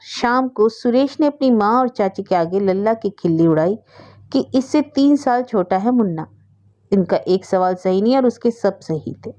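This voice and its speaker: A woman narrating a story aloud in a steady, expressive storytelling manner. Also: mid-range voice, normal speed, lo-fi sound.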